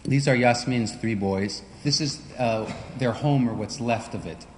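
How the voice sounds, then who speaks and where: A man hosting a concert, speaking earnestly and haltingly as he introduces a message. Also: mid-range voice, slight background noise. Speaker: concert host and pianist. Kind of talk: spoken introduction and letter reading at a concert. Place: concert venue. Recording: long hall reverb.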